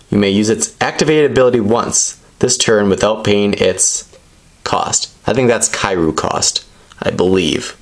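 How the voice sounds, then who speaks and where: Male hobby vlogger, low voice, casual off-the-cuff show-and-tell, rambling and a bit unsure. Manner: rambling, tentative explaining. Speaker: presenter opening trading card packs.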